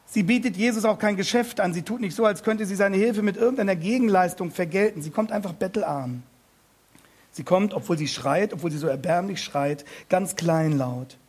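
A man preaching a sermon on a Bible passage, speaking emphatically, slowing down and repeating key words, and addressing his listeners directly with questions. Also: high-pitched, slightly rough.

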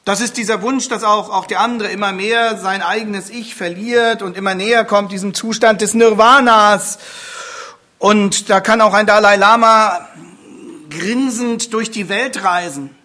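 A man preaching a sermon to his congregation, emphatic, often repeating words and building to forceful appeals. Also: high voice, fairly even intonation, a little slow.

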